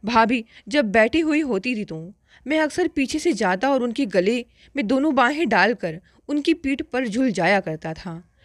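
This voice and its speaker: A woman narrating a family story in steady first-person reading. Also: a little high, measured pace, no room sound, clean studio sound.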